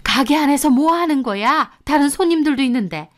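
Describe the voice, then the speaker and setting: A woman's voice: high voice, animated, a little fast, voice pushed up. A woman voicing an older mother-in-law who scolds indignantly, in a story narration. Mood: indignant scolding.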